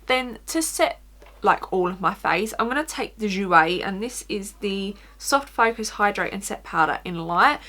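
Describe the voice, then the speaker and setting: Here an Essex-accented woman talks her way through a makeup tutorial in an informal, chatty, beauty-vlogger style, dropping "like" into nearly every sentence. She's expressive and unhurried, with a medium pitch and a sharp edge to her tone.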